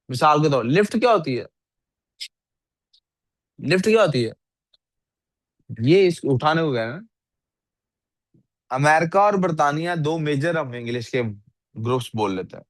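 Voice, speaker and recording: A man's voice: fairly high pitch, expressive, moderate pace, pauses often, dry recording. A male teacher giving a classroom lecture and often asking his students questions. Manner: asks the class frequent questions, scolds sleepy students.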